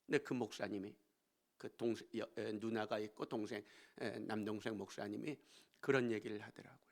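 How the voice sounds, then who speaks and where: A male pastor preaching a storytelling sermon in a church. He swings between hushed asides and emphatic exclamations. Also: lowish voice, fairly even intonation, brisk. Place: church sanctuary.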